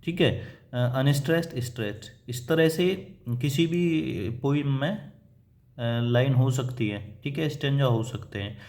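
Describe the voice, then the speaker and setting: A man delivers a patient, classroom-style lecture. He explains each point step by step, pausing on fillers. He switches between Hindi and English teaching terms. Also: medium pitch, darkish tone. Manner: reads quoted English lines slowly and deliberately. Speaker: assistant professor teaching English poetry.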